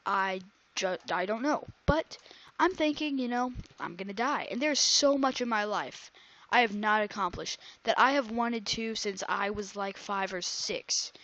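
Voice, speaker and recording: A woman's voice: medium pitch, measured pace, fairly bright tone, no echo, poor audio. A woman doing casual let's-play commentary, rambling and melodramatic, on a close desk microphone at home. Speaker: gaming YouTuber. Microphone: desk microphone close to her breathing.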